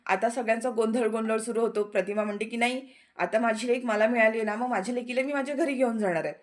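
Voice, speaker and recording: A woman retelling a TV serial episode in a casual recap, quoting the characters' lines as she goes. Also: a little high. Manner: quick, animated retelling with quoted lines.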